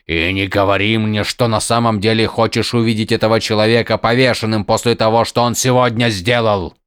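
A man voicing a stern, weary older male highlord who speaks firmly and scolds emphatically, in an audiobook. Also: level tone, a little fast, fairly bright tone, smooth, no room sound, clean studio sound, natural voice. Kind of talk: audiobook character voice.

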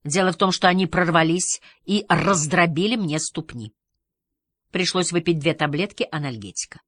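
A woman's voice: lowish voice, normal speed, a bit bright, no echo. A woman reading the part of an exhausted, troubled woman who speaks in a weary, subdued, apologetic way.

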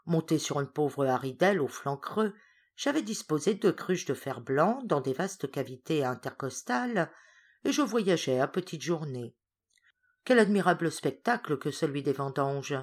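A woman reading a classic story aloud as an audiobook, with expressive, varied storytelling. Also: low-pitched, moderate pace. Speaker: audiobook reader. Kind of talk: literary audiobook narration.

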